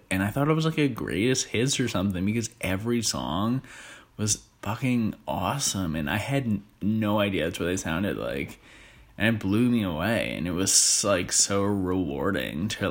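A man hosting a casual music monologue, rambling with lots of fillers and restarts. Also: lowish voice. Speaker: music podcast host.

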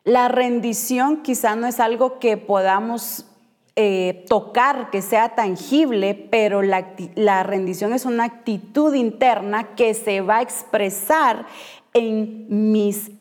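Slow, emphatic woman preaching in a hall. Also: on the high side, fairly even intonation. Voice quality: emphatic, repeats key phrases. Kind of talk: sermon. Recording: long hall reverb.

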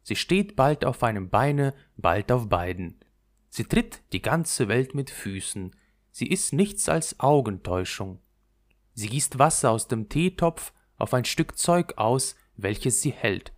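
Male narrator, fairy-tale reading, melodic, mid pitch, lively intonation. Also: slow. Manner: expressive, melodic storytelling.

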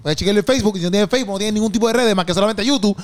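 A man hosting a casual podcast, playful and animated, jumping into loud plugs. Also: high voice, very fast. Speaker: podcast host and comedian. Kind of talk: casual podcast chat with ad reads.

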